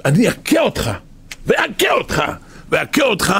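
A man's voice: on the high side, animated, vocal fry, breathy edge, exaggerated voice. A man voicing God, sternly rebuking a king with thundering declarations.

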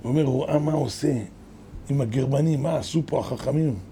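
A man's voice: mid-range voice, warm tone, slight background noise. A man, a rabbi, giving a sermon, telling stories with rising emphatic bursts.

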